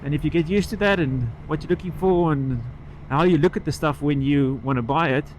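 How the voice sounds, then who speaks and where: A man talking casually and haltingly from inside his helmet while riding a motorcycle, rambling like a vlogger and picking his thread back up. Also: a little high, darkish tone, rough recording. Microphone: microphone inside the helmet. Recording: inside-helmet sound with road and engine noise.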